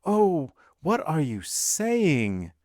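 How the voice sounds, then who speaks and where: A man reading aloud, voicing a frightened young noblewoman who stammers and pleads in a raised, drawn-out voice. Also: mid-range voice, big pitch swings, a little mellow, dry recording, clean studio sound, close to an everyday voice. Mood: terrified, pleading.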